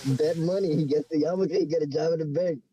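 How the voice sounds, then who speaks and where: A man's voice: a little high, fairly even intonation, fast, warm tone, breathy edge. A man joking and teasing his friends in a rambling way on a casual voice call. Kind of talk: casual chat over a voice call. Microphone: voice call microphone.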